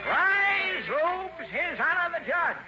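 A man's voice: very high voice, sing-song, takes it slowly, over loud music, heavily acted. A man playing a brash, talkative small-town lawyer with joke-telling patter in 1940s radio comedy. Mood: brisk, theatrical. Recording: muffled old radio recording, faint noise.

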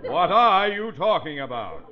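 A man's voice: high-pitched, big pitch swings, measured pace, very noisy. A man playing an overbearing, irritable company boss in a 1950s radio comedy, pompous, bullying and sarcastic. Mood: exasperated. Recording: muffled vintage radio recording.

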